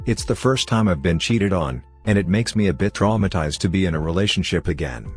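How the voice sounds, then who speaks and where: A man voicing a friendly, easygoing young man in a storybook reading, in a flat, low-key way. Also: brisk, breathy edge, faint music behind.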